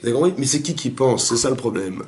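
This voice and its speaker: A man, a rabbi, giving a Torah class in a family home, animated and asking his listeners rhetorical questions. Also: medium pitch, fast.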